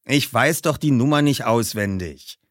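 A man's voice: medium pitch, animated, measured pace, no room sound, clean studio sound, natural voice. A man voicing a boastful, offhand rich teenage skater boy. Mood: casual. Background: background music.

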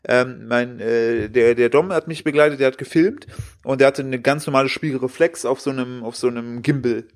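A man's voice: medium pitch, fairly quick. A man in his late twenties co-hosting a casual podcast, telling long rambling anecdotes with youthful slang. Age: late 20s. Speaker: podcast co-host. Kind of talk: casual chat.

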